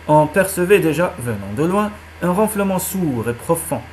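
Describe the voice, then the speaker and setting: Male narrator, calm audiobook read of a children's tale, slightly high pitch, faint noise floor. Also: normal speed. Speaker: reader. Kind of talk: audiobook reading of a children's novel.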